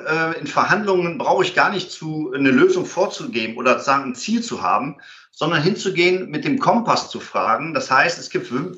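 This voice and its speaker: Male interview guest, fairly high voice, explanatory, filler-heavy, echoey lo-fi recording. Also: sharp tone. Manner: explains with many fillers and acted-out example dialogues. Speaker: guest expert on conflict resolution. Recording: roomy, dull lo-fi sound.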